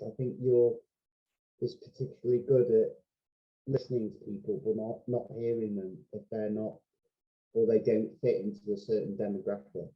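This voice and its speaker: A man with a fairly low voice speaks on an online panel. He is halting and unsure of himself, and the call audio is somewhat dull and lo-fi. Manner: hesitant, self-doubting. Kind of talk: informal panel talk.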